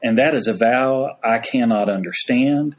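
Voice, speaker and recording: A man's voice: mid-range voice, a little slow. A man, a priest as podcast guest, telling a story in a casual folksy way. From United States. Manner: folksy storyteller, frequent "y'all".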